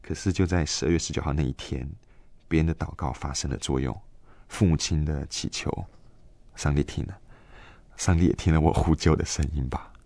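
A man in his twenties telling a personal faith story in an interview, earnest and halting, with many fillers and restarts. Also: rumbling low, fairly even intonation, creaky, darkish tone, no echo. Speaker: guest giving a faith testimony.

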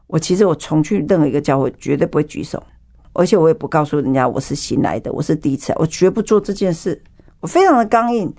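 A woman's voice: low voice, animated, fast talker, vocal fry, warm tone. A woman with a Taiwanese Mandarin accent, giving an emotional personal testimony as an interview guest and acting out the people in her story. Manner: vivid storytelling, acts out dialogue.

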